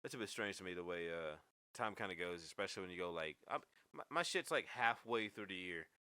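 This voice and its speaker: A man in his late twenties with a very low, bright-edged voice, rambling through a relaxed podcast chat. He swears freely and drifts from thought to thought. The sound is close and dry, with no room around it. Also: fairly quick, smooth, dry recording. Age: 20s. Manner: rambling, laid-back, swears often. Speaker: podcast host. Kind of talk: casual chat.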